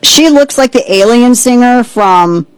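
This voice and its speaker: A woman hosting an opinionated political commentary show, sarcastic and mocking, with quick asides. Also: fairly high pitch, lively intonation, clear, resonant tone, dry recording, low-quality recording. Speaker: host.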